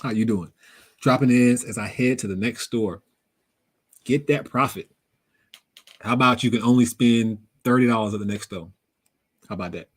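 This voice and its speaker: A young man hosting a casual live Q&A, reading viewer comments aloud and answering them in a relaxed, slangy way, laughing often. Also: medium pitch, normal speed, pauses often, slightly rough. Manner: relaxed, conversational, drops words into everyday slang. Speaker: livestream host reading chat.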